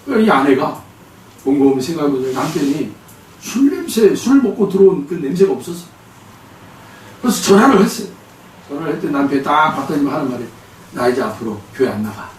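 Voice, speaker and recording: Male pastor, lively sermon storyteller, fairly high voice, echoey church hall, distant mic. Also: a little fast, long pauses, a little hiss or hum. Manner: animated storytelling, acting out quotes. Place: church sanctuary.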